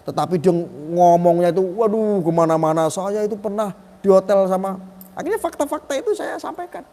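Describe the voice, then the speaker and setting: A man's voice: sits high, a little mellow, in a large hall. A middle-aged man giving emphatic live-stream commentary, asking rhetorical questions and acting out quoted voices.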